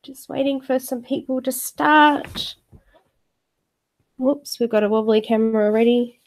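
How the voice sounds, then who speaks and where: A YouTube coloring channel host, a woman with a fairly high voice, talks a little slowly during a live coloring stream. She has a cold that makes her slightly nasal, and she chats with viewers in a friendly way, using lots of filler words.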